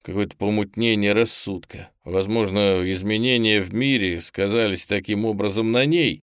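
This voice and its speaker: A man reading the lines of a decisive male physics teacher in an audiobook, in a measured, reasoning manner. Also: fairly low pitch, fairly bright tone, clean tone, no room sound, clean studio sound, close to an everyday voice. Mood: stern.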